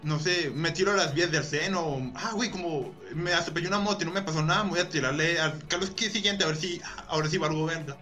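A man's voice: on the high side, fast, hardly any pauses, pushed and bright, soft background music. A Colombian man chatting casually as a guest, rambling with many fillers. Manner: rambling, filler-heavy, earnest. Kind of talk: casual chat.

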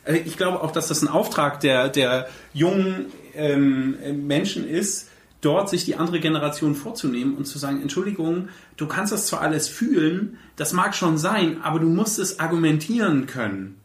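A man with a fairly high voice hosts a podcast at normal speed, sounding animated, emphatic and blunt with casual colloquial remarks. He's set back from the mic in an echoey room.

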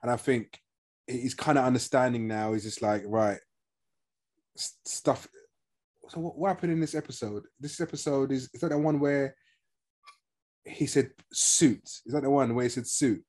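A man with a medium-pitched voice talks casually as a podcast co-host. He circles back and repeats phrases while working out what he means. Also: moderate pace, a little mellow. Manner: repeats phrases as he works out his point. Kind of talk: casual TV review chat.

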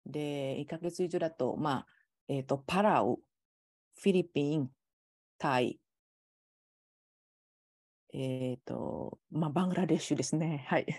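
Polite woman, low and dark. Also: measured pace, pauses often, no room sound. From Indonesia. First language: Indonesian. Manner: polite, frequent affirming fillers. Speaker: guest. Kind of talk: casual online interview. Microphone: video call.

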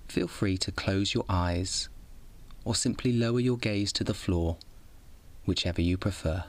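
A man narrating a bedtime guided meditation as host, like a sleep story narrator, in a calm, soothing, unhurried way. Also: fairly low pitch.

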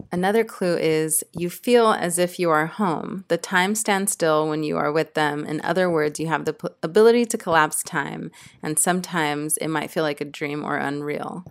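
A woman's voice: fairly low pitch, vocal fry. Chatty woman hosting a podcast. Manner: chatty, upbeat, loose with frequent fillers. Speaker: podcast host. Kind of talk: casual podcast interview. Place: indoor room in Bali.

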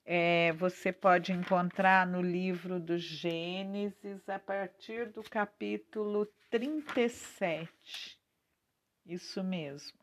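A Brazilian woman speaks to the viewer in an earnest devotional talk, with her voice sitting at an ordinary middle pitch. She talks slowly, drawing out each key word for weight. She often pauses to check in with a soft "né?". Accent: Brazilian Portuguese. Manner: slow, earnest, drawn-out emphasis, frequent "né?". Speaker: preacher.

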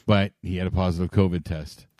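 A man co-hosting a podcast in casual chat, laughing often and tossing in quick agreeing replies. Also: low-pitched, steady tone, a little mellow, no echo, clean studio sound. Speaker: podcast co-host.

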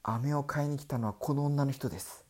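A man's voice: mid-range voice, a little fast, a little mellow, lightly acted. Candy-shop owner, curious and cautious, plain male voice, the narrator doing it. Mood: questioning.

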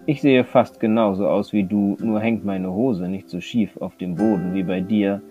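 A man voicing a friendly young letter who speaks in gentle, reassuring sentences. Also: on the low side, steady tone, moderate pace, faint music behind, lightly acted. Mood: kind. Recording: slightly dull lo-fi recording.

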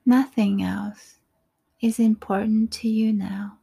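A woman guides a breathing meditation at an extremely slow, soothing pace. Her voice is soft and breathy, often near a whisper, with a mellow tone and frequent creak. She leaves calm pauses between short phrases. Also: mid-range voice.

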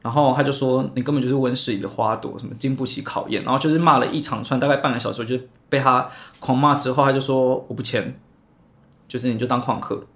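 A man's voice: mid-range voice, steady tone, quick pace, fairly bright tone. A young man, telling a long personal story on a chat podcast, rambling and restarting often. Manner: rambling, many restarts and repeated words. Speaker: podcast co-host.

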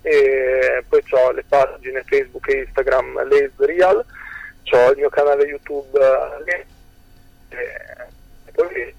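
A young man, a musician guest, answering interview questions over the phone, hesitant and full of drawn-out fillers. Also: medium pitch, flat delivery, vocal fry, darkish tone, dry recording, highs cut off.

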